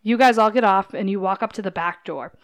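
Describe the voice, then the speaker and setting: A woman's voice: mid-range voice, fairly quick. A woman narrating as game master, casual and giggly.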